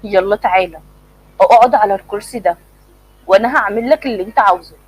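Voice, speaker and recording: A woman's voice: medium pitch, quick pace, darkish tone, breathy edge, natural voice, low-quality recording. A woman voicing a male mad inventor who gloats with menace. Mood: gloating. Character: mad inventor man, bitter old schoolmate.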